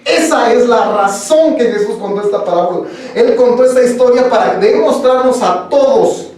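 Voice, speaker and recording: A young man with a Mexican accent leads a sermon in a high, light voice, chatting and joking with his congregation and firing questions at them. He is heard from a distance in a church hall that rings with echo. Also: moderate pace, darkish tone. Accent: Mexican Spanish. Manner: conversational, joking, quizzes the congregation. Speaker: preacher. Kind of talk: interactive sermon. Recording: echoey room, voice from far off.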